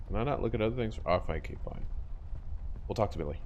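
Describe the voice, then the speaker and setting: A man's voice: on the low side, expressive, fast, darkish tone, slight background noise. A man hosting a let's-play, talking casually with offhand, muttered asides. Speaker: gaming video host.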